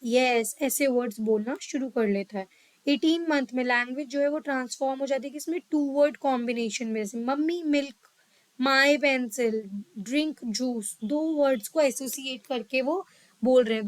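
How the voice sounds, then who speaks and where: High-voiced woman teaching psychology. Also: no room sound, poor audio. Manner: reads English lines slowly, explains in quick Hindi; checks in with "ठीक है". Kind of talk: lecture mixing Hindi and English.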